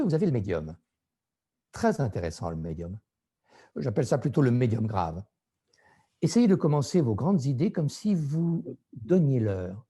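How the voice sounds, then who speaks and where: Husky, animated male speaking coach. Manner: demonstrative, illustrates pitch and emphasis with his own voice. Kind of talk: didactic lecture on vocal delivery.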